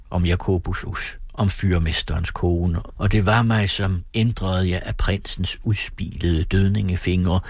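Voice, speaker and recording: Deep, husky male narrator. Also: dry recording, studio quality. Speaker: audiobook narrator. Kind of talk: scripted literary narration.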